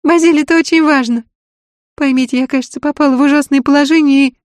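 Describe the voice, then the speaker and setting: Man doing a shrill hysterical Polish lady. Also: fairly even intonation, fast talker, no room sound, studio quality. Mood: pleading shrill. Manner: shrieking, frantic, capricious. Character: shrill hysterical Polish noblewoman, young wife.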